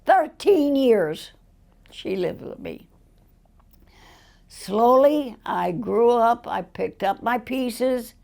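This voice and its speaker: A very old woman, over a hundred, telling stories from her life in a rambling, colloquial way with a gravelly old voice. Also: a little high, expressive, drawn-out words, long pauses, darkish tone. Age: over 100, very old. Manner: rambling storyteller, acting out quoted dialogue in plain colloquial words. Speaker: interviewee. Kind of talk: casual autobiographical storytelling.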